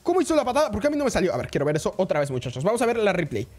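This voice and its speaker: A man giving chatty, excitable live commentary while he plays a game and keeps greeting his chat. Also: high-pitched, rapid-fire, heavy background noise. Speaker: gaming streamer. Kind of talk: live-streamed gameplay commentary.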